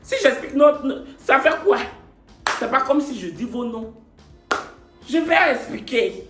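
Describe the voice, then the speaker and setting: A man's voice: very high voice, lively intonation, measured pace, fairly bright tone, roomy sound, soft background music. A man telling his own love story to camera, a little tipsy late at night, theatrical and repetitive, playing with words. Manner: theatrical, repetitive, playful wordplay. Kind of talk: comic confessional vlog.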